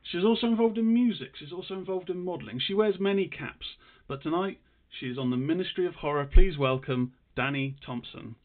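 A man's voice: sits high, animated, fast, few pauses, narrow, tinny audio. A man presenting a livestream as a horror host, with showman-like greetings and introductions, heard through thin online stream audio.

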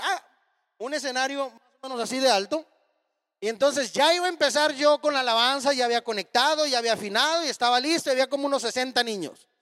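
High-pitched preacher guy in his 30s telling a story, acts out all the lines, big echoey hall. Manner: animated, acts out dialogue in the story. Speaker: pastor. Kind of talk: storytelling sermon. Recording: hall reverb.

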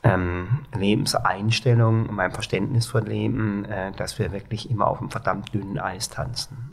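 A man's voice: on the low side, creaky, a little hiss or hum. A man from Baden-Baden with a Baden accent, speaking hesitantly with many fillers as a guest in an interview. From Baden-Baden, Germany. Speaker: guest, exhibition founder. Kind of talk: reflective interview talk.

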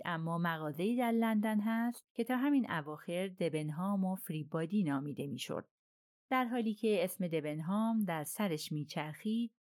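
A woman voicing a shrewd, self-assured older male detective, soft and persuasive, in an audiobook. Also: on the low side, natural voice.

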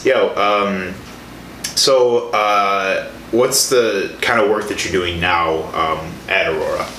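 A man's voice: low-pitched, fairly even intonation, slow, pushed and bright. A man interviewing a guest in casual chat, hesitant and full of filler words. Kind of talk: casual conversation. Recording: roomy echo, faint background noise.

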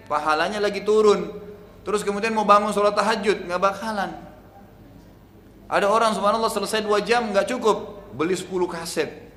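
A man preaching an Islamic sermon in a fairly high voice. He tells stories, asks rhetorical questions, and swings from hushed to loud. The sound rings with a long echo in a large hall, with faint ambience behind. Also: a little hiss or hum.

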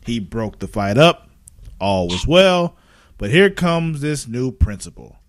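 Profane, animated male podcast co-host. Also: medium pitch, slow, dry recording. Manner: loose, profane, animated storytelling. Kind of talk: casual chat recapping TV episodes.

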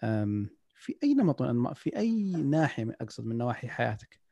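A man hosts a casual podcast chat, reflective in manner, slipping English phrases into his talk and restarting often. His medium-pitched voice is sing-song, gravelly, and mellow, delivered very fast, with no echo and a lo-fi sound.

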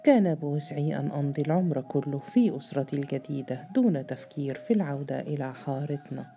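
A woman reading the part of a grown man who earnestly recounts a strange night encounter, in a measured storytelling manner. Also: low voice, dark tone, slight background noise.

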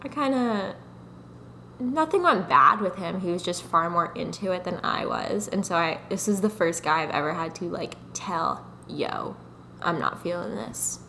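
A young woman co-hosting a podcast, telling a dating story in a casual, animated way, often laughing and mocking herself. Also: lowish voice, moderate pace, a little hiss or hum. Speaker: podcast co-host.

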